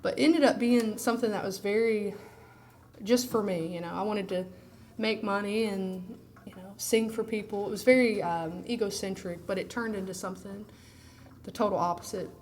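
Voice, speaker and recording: A woman singer-songwriter, her voice groggy from allergies, rambles candidly between songs at an intimate live session, peppering her talk with "you know" and "like." Her mid-range voice is steady and a little mellow at a moderate pace, with slight background noise.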